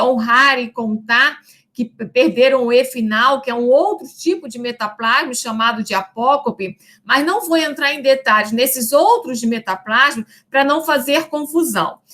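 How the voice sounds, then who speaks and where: Bright, high-voiced woman teaching a lesson. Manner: didactic, checks in with "né?" and "tá?"; stretches out example words slowly. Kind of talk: recorded lecture.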